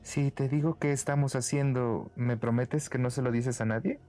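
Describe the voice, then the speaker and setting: A man's voice: mid-range voice, fairly even intonation, normal speed, dark tone, faint music behind, pitched above the performer's own voice, lightly acted. A man voicing a clever, sly young peasant woman in a bedtime story, speaking sweetly and teasingly. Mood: confiding. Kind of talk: storybook character voice.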